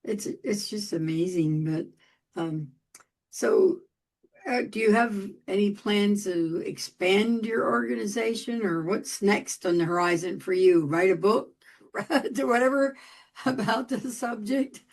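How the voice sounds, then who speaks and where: An interview host in her eighties chats in a friendly, casual way and laughs a lot. Her voice sits in the mid-range and moves at a measured pace. She hosts a podcast.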